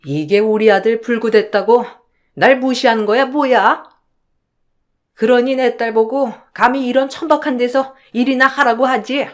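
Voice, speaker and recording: A woman's voice: fairly high pitch, normal speed, lightly acted. A woman voicing an older, domineering mother-in-law who scolds and threatens in a radio-drama story. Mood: furious scolding.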